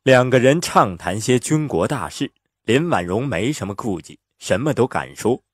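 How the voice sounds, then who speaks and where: A man narrating an audiobook in an expressive, lively storytelling manner on a close mic. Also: medium pitch, moderate pace, breathy edge, dry recording.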